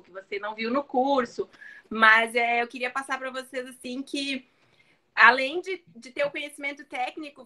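A woman's voice: high voice, bright, forceful tone. A woman teacher giving earnest, encouraging advice to students in a panel talk, with hesitant restarts.

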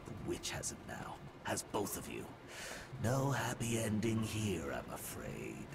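A slow, gravelly, menacing male spirit. He speaks low and drawn out, his pitch swinging widely, over loud game music. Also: big pitch swings, exaggerated voice, low-quality recording.

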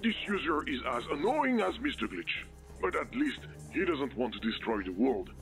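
A chatty, sarcastic game program, with a wildly swinging pitch that leaps up high when excited. He jokes, mutters asides and talks to himself constantly. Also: moderate pace, vocal fry, soft background music, full character voice. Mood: animated. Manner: animated, joking, talking to himself.

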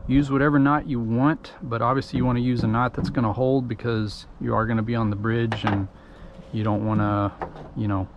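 A middle-aged man with a Texan accent and a medium-pitched voice hosts a DIY tutorial, working at a pickup truck's tailgate outdoors. He narrates a relaxed, folksy step-by-step how-to, with frequent ums and uhs. The outdoor camera audio is noisy.

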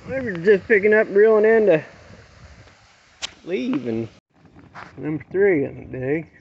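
Gravelly man chatting on a river boat. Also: high voice, measured pace, lo-fi sound, slight background noise. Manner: folksy, plain-spoken. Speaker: fishing vlogger. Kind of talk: casual fishing commentary. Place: small boat on a river, outdoors.

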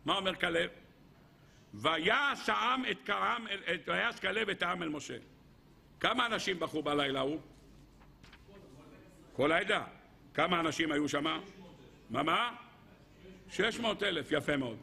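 A middle-aged man, a rabbi giving a lively Torah lesson who questions his listeners and swings between loud exclaiming and low asides. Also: gravelly, pauses often.

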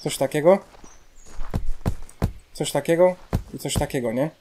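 Excitable young Polish gamer. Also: male voice, fairly high pitch, a little slow, a little hiss or hum. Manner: excitable, talks to himself and the game, exasperated outbursts. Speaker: let's play gamer. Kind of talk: casual gameplay commentary.

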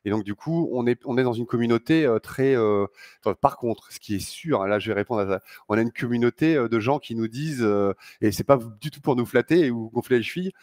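A man's voice: medium pitch, brisk, darkish tone, no room sound, clean studio sound. A middle-aged man, founder of a sailing project, speaking enthusiastically at an indoor conference with many fillers. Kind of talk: conference talk. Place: large sailing showroom, indoors.

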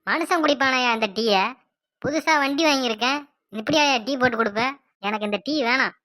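A woman's voice: sits high, brisk, sharp tone. A woman voicing a boastful young man who shows off his new bike in a cartoon, swaggering and showy.

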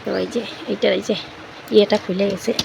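A woman's voice: mid-range voice, fairly even intonation, quick pace, gravelly, background noise. A woman in her thirties chatting casually to her phone at home, running her sentences together with a filler word. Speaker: home vlogger. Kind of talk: casual home vlog chat. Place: home, indoors.

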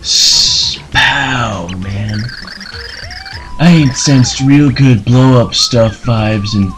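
Voicing a spacey, laid-back male stoner bomb creature in a video game, a man draws out his words in a mid-range, slightly bright voice. He drawls slangy lines and adds made-up explosion sounds while game music plays underneath.

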